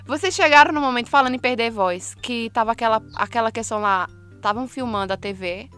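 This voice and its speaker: A Brazilian woman hosting a podcast, telling stories in a chatty, animated way. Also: fairly high pitch, fairly quick, smooth, soft background music. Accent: Brazilian Portuguese. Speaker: podcast host. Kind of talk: casual chat.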